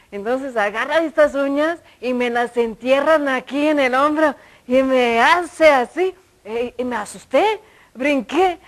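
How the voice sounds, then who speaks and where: A woman preacher, telling a story from her life as a sermon and acting out the dialogue in a lively way. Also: sits high, rough recording. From United States.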